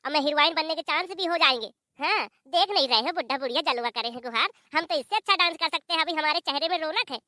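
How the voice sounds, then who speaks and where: A sharp-tongued young daughter-in-law glued to her phone, in a village cartoon, voiced by a woman. She sounds sassy and defiant in a high, bright voice, recorded close and dry. She speaks with a Bundelkhandi Hindi accent. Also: fast, few pauses, dry recording.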